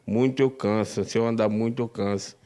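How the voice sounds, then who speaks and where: A man's voice: fairly low pitch, steady tone, fairly quick, warm tone. Weary man giving testimony. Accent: Amazonas Brazilian Portuguese. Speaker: interviewee. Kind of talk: news interview testimony.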